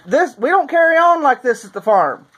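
A man in his forties making a mock-serious confession to a phone camera held at arm's length in an open barn, slow and solemn with long pauses. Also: very high voice. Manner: slow, solemn, deadpan delivery with drawn-out pauses. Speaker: farm vlogger.

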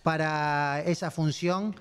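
An Argentine man in a casual group chat, teasing and quick to laugh. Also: fairly high pitch, steady tone, a bit bright, clear, resonant tone, in a large hall. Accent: Argentine Spanish. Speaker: podcast panelist.

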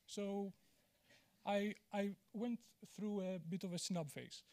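A man speaks from a big auditorium stage into a handheld mic. His voice sits high, and he talks candidly, poking fun at himself. He stops often on "uh" and restarts his sentences. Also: fairly even intonation, slow, darkish tone. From Greece. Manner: candid, self-deprecating, many "uh" fillers and restarts. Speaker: conference speaker. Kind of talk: conference talk.

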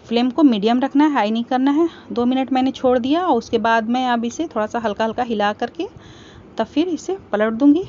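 A woman hosting a cooking channel, calmly explaining each step of a home recipe in a voice-over. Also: a little high, a little fast. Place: home kitchen. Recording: slightly dull home recording with faint background hiss.

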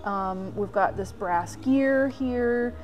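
A woman hosting a hands-on workshop tutorial, walking through each step slowly with frequent "um" pauses. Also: fairly high pitch, darkish tone, highs cut off, faint music behind. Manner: explains step by step with many "um" pauses. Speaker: vlog host.

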